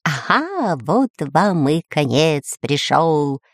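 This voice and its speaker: A woman's voice: low-pitched, big pitch swings, very slow, no echo, studio quality, exaggerated voice. A woman voicing a scheming male parrot villain in a storybook reading, shrieking and taunting. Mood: gleeful.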